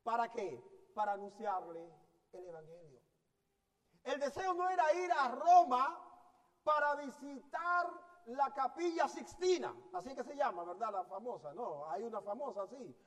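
A man's voice: very high voice, animated, a little slow. A man preaching a sermon in a teaching manner, asking the congregation rhetorical questions and often restarting his sentences. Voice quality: hesitant restarts mid-sentence. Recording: long hall reverb.

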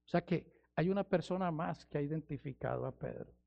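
Male preacher, high gravelly voice, dramatic expository delivery, dull lo-fi recording. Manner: dramatic, acts out quoted voices, slows for emphasis. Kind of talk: expository sermon.

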